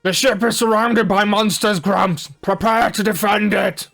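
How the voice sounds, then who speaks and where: A man's voice: high-pitched, steady tone, measured pace, vocal fry, a bit bright, faint music behind, voice pushed up, full character voice. A man voicing a drunken admiral urgently warning the crew, with slurred mock urgency. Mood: alarmed.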